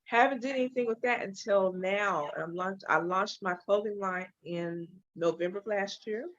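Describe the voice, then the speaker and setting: This hair and makeup artist, a woman in her forties from Los Angeles, speaks at a moderate pace with a medium pitch. Her storytelling in the casual interview is open and at times animated. Sound quality is dull and lo-fi.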